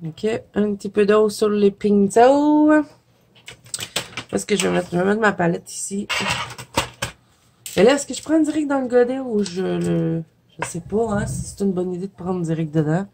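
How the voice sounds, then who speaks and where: A woman's voice: mid-range voice, normal speed, creaky, long pauses, warm tone, slight background noise. A woman with a Quebec French accent, congested with a head cold, chatting casually and laughing at herself as she paints for her viewers. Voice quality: chatty, laughs often, self-deprecating. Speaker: watercolor coloring vlogger. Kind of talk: casual chat while painting.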